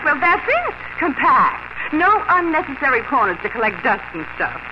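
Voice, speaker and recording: In a very noisy, dull 1950s radio recording, a young adult woman plays an eager grown daughter in a radio drama, gushing, emphatic and persuasive. Her high voice is very animated at a moderate pace, full of excited coaxing.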